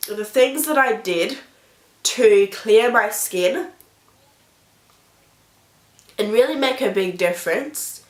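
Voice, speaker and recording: A woman's voice: fairly high pitch, lively intonation, slow, long pauses. A woman vlogger chatting casually to camera while sick with a blocked nose, breathing through her mouth. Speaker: beauty vlogger. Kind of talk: casual talk to camera about personal experience. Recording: echoey, roomy sound.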